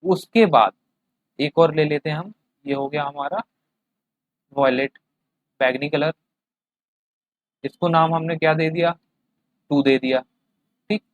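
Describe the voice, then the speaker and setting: A man's voice: fairly high pitch, unhurried, long pauses, no room sound. A man teaching a chemistry class, explaining with everyday examples and often checking that students follow.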